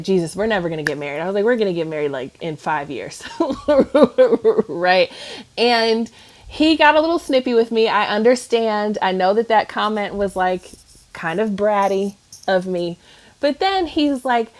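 A woman chatting casually on a podcast, telling an animated story and laughing often between thoughts. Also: mid-range voice.

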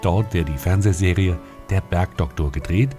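Man, very deep voice, radio feature narrator, measured reading, music underneath. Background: music bed.

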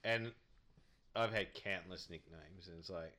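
A middle-aged Australian man with a lowish voice tells stories like a tradesman over a beer. He is laid-back and colloquial, slipping into quoted exchanges as he goes. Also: a little slow, pushed and bright. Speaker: amateur club cricketer being interviewed. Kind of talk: casual anecdote-telling chat.

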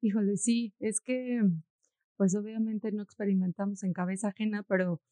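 A woman's voice: medium pitch, fairly even intonation, normal speed, warm tone, dry recording. A woman, a mother in casual conversation, reflective and chatty, summing up points. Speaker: co-host, mother.

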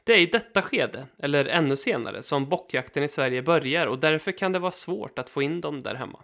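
A man reading his own hunting trip article aloud in a steady, matter-of-fact way. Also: on the high side. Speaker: hunting writer narrating his trip report.

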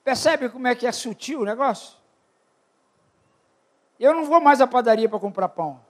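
Older male preacher with a very high voice, questioning his congregation and calling for amens, moving from near-shouts to low murmurs. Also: expressive, moderate pace. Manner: swings from loud shouted peaks to low quiet asides. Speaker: preacher at a church retreat. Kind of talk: sermon.

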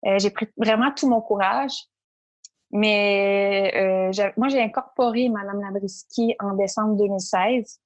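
A woman entrepreneur from Quebec, with a Québécois French accent, is interviewed as a guest and tells her story unhurriedly at a medium pitch. She stays lively and animated, repeatedly acting out the thoughts running through her head.

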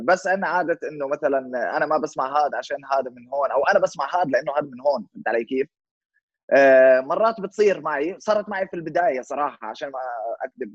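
A man's voice: mid-range voice, breathy edge, dry recording, lo-fi sound. A man in his twenties with a Levantine Arabic accent, chatting informally as an interview guest, explaining things and mixing in English words. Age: 20s. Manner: informal, explanatory, checks listener understands. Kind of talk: casual conversational interview with English words mixed in.

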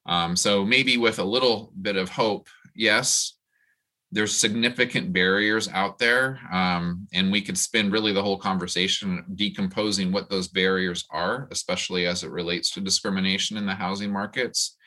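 A male professor explaining his points as a panelist, in a measured, hopeful way with halting phrasing. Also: deep voice, steady tone, sharp tone.

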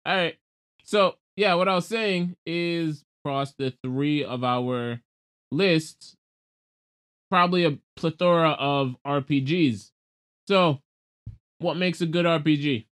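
Higher-voiced man in natural podcast chat. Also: slow, a bit bright. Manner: informal, loose phrasing. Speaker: podcast co-host. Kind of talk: natural unscripted casual talk.

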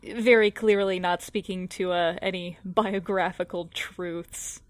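A woman talking films on a podcast in a measured, thoughtful way, with frequent "um"s. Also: fairly low pitch, fairly even intonation, no room sound. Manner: measured, filler-heavy, thoughtful. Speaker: podcast guest. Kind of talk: casual film discussion.

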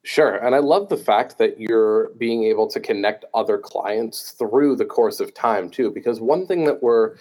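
A man's voice: lowish voice, a little slow, few pauses, warm tone. A man with a New Jersey accent hosting a podcast interview, talking casually and chattily, joking about himself. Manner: chatty, self-joking, loose with fillers. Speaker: podcast host.

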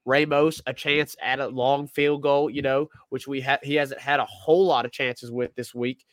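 Co-hosting a casual sports talk show, a man with a cold-blocked nose rambles and thinks aloud, constantly restarting and correcting himself. His mid-range voice has little pitch movement and a moderate pace, with no room sound.

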